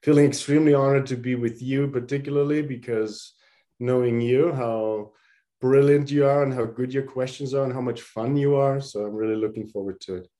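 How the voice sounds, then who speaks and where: A middle-aged man from Austria, a psychologist guest speaking in an earnest, reflective way with halting restarts. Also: mid-range voice, fairly even intonation, dark tone. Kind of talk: conversational interview.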